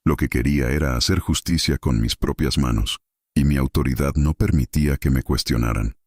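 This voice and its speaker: A man narrating a horror story in a dramatic, measured storytelling manner. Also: very deep voice, darkish tone, breathy edge, no room sound, studio quality.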